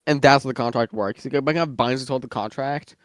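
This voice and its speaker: Chatting casually about fictional lore, this guest worldbuilder eats as he talks, so his speech comes out slightly muffled and rambling, with lots of fillers and restarts. He has a medium-pitched voice and a fast delivery, recorded at studio quality with no room sound.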